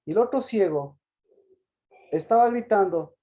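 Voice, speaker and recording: A man teaching an interactive Bible study on a video call, pausing and repeating words as he asks questions. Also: high-pitched, animated, warm tone.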